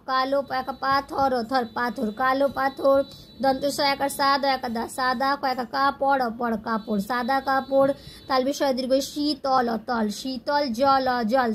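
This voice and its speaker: A woman's voice: high voice, fairly bright tone, slight background noise. A woman teaching a language class, patiently spelling out words syllable by syllable and repeating each one. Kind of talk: slow spelling-out lesson.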